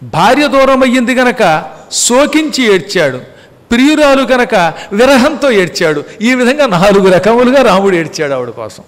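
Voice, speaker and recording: A high-pitched man delivers a spiritual discourse, repeating key ideas and posing rhetorical questions to his listeners. He now and then acts out a quoted line. His voice carries a long reverb, as if recorded in a hall. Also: very animated, normal speed. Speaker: religious discourse speaker. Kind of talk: Telugu Ramayana discourse.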